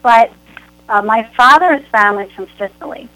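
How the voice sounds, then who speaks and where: A woman's voice: on the high side, moderate pace, pushed and bright, no room sound, rough recording. A woman caller on a phone-in show, chatty and giggly. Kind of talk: phone-in chat.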